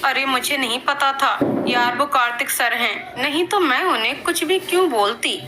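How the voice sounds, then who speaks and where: A woman voicing a feisty, quick-tempered young woman office worker who banters with her friends in a told story. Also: high-pitched, background noise, natural voice. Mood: bantering.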